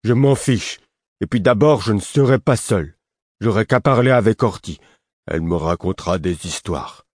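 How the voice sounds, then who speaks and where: A man's voice: low voice, lively intonation, measured pace, hardly any pauses, darkish tone, dry recording, clean studio sound. A man voicing a small, simple-minded man who is childish, sulky and defiant, in an audiobook. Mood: stubborn defiance.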